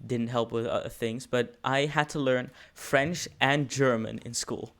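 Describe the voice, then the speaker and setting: A man's voice: mid-range voice, fairly even intonation, a little slow, a bit bright. A teenage man from the Netherlands with a Dutch accent, chatting casually in English with many hesitations and restarts. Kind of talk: casual chat.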